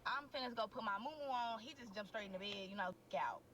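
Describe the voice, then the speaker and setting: A young woman on a podcast, telling a candid story in a crude, slangy, animated way and talking straight to the listeners. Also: a little high, quick pace, a little hiss or hum. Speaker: podcast co-host. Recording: voice a bit distant from the mic.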